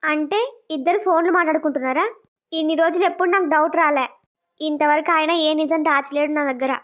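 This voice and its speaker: A woman voicing a gentle suspicious young wife. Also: sits high, fairly even intonation, quick pace, close to an everyday voice. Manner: soft, questioning. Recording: dull lo-fi recording.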